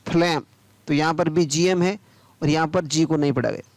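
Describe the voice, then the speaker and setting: A man teaching English pronunciation. He spells each word out letter by letter, then says it slowly, and asks the viewer questions that he answers himself. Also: on the high side, fairly even intonation, darkish tone, no room sound. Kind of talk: spoken English pronunciation lesson.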